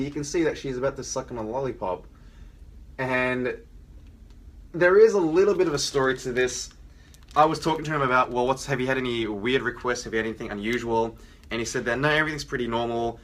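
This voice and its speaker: In a noisy room, a man co-hosting a comics fan show walks through his haul in a relaxed, somewhat hesitant show-and-tell. His mid-range voice has a fairly bright tone, and he talks fairly quickly.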